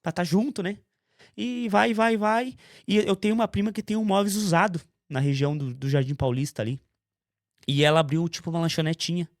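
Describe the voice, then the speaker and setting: A man's voice: high voice, a little fast, dry recording, clean studio sound. A man from giving a testimony in a conversational interview, telling his story intensely and acting out other people's words. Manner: intense, animated storytelling with quoted voices.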